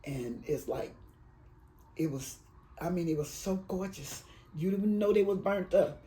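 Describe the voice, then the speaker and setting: Mellow-voiced woman in her eighties, reminiscing. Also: on the low side, a little hiss or hum, low-quality recording. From Alabama, raised in Detroit. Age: 80s. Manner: rambling, emotional, halting. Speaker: oral history interviewee. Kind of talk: oral history storytelling.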